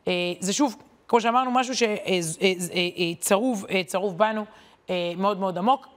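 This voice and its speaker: A woman giving a weekly Torah lesson in a conversational, animated way, often pausing on hesitation fillers. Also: mid-range voice. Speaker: Torah teacher.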